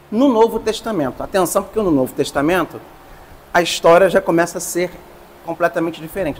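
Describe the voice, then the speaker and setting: A man, a priest, teaching a class, explaining slowly and stressing each term. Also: high-pitched, long reverb tail. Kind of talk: lecture.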